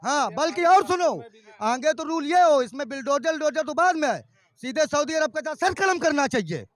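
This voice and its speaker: Guy arguing his point hard in a street interview, voice sits really high. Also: lively intonation, normal speed, no echo. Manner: emphatic, argumentative.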